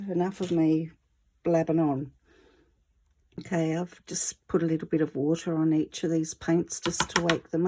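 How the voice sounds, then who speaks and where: A woman's voice: medium pitch, mellow, slight background noise. A woman with a wheezy voice, short of breath, chatting casually and easygoing as she presents a hands-on art tutorial. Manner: chatty, easygoing, self-deprecating.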